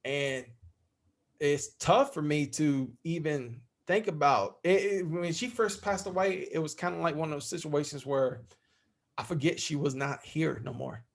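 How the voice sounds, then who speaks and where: A man's voice: on the high side, a little slow, vocal fry. A middle-aged man speaking as a podcast guest in candid interview talk, heartfelt and freely swearing.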